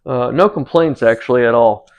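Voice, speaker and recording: While cooking on his channel, a relaxed American man in his forties rambles through casual talk full of fillers like um and uh. His voice is medium-pitched at a normal speed, and the recording has its highs cut off.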